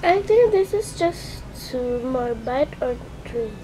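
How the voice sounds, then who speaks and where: High-voiced girl chewing while talking. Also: very animated, slow pace. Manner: simple chatty talk to viewers. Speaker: vlogger. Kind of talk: casual mukbang vlog. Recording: noisy home recording.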